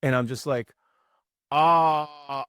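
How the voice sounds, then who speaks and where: A man's voice: medium pitch, fairly quick, no echo, clean studio sound. A young man, a former military mechanic, telling stories in casual podcast chat, swearing freely. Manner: profane, animated storytelling.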